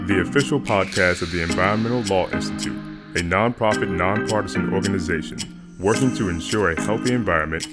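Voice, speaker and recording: A man's voice: sits low, brisk. A man reading a scripted podcast introduction as an announcer. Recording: loud guitar music behind. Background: guitar music.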